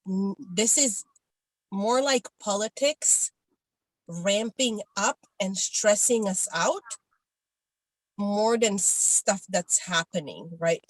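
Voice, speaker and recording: A woman's voice: mid-range voice, dry recording, low-quality recording. A middle-aged woman co-hosting a podcast, talking candidly and casually, peppered with "like". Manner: candid, chatty, with frequent "like". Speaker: podcast co-host. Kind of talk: casual conversation.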